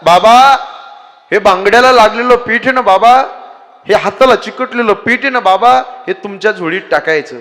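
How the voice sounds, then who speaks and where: A little girl's voice, tearful and pleading, calling out high and long, as a male preacher puts her on. It rings with a long hall reverb, as at an amplified kirtan. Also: normal speed, fairly bright tone.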